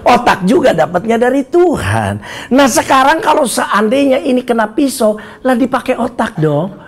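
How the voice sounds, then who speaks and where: A man preaching a lively, humorous sermon in a way, teasing the congregation, asking them questions and calling for amens. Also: very high-pitched, moderate pace. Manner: joking, teasing, slangy asides to the congregation. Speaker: pastor.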